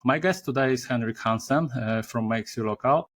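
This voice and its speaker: A man hosting a podcast interview, speaking haltingly with many filler sounds. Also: mid-range voice, fairly bright tone. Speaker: podcast host. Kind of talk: conversational interview.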